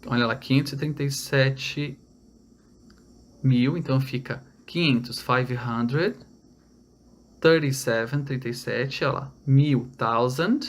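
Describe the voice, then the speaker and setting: A man from Brazil giving an online English lesson, explaining step by step and checking in with his students. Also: medium pitch. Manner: explains step by step, repeats numbers slowly in English; checks in with "tá?" and "olha lá". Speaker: English teacher.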